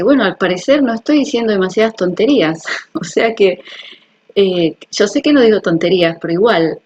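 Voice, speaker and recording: Husky woman talking earnestly to viewers. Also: medium pitch, a little mellow, lo-fi sound. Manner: earnest, personal, repeats "¿ok?" to check viewers follow. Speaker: health video host. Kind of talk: casual explanatory talk to viewers.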